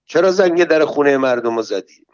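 A man's voice: a little high, lively intonation, no echo, highs cut off, pitched above the performer's own voice, lightly acted. A man voicing a frail, grumpy old woman who scolds through a closed door in an audiobook reading, her voice weak and thin. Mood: scolding. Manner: scolding, dismissive.

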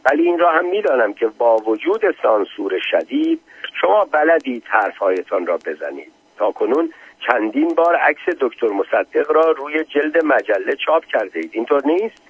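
Guy doing a clipped bossy army general, raspy voice, sounds like over a phone. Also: mid-range voice, very animated. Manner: curt, commanding. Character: decisive middle-aged male army general. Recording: tinny lo-fi phone-like recording.

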